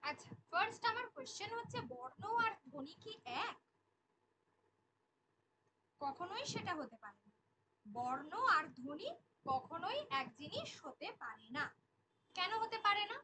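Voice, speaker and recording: A woman's voice: very high-pitched, sing-song, a little slow, pauses often, background noise. A woman teaching an online exam-prep class, repeating each key definition and asking the class questions. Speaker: Bengali teacher.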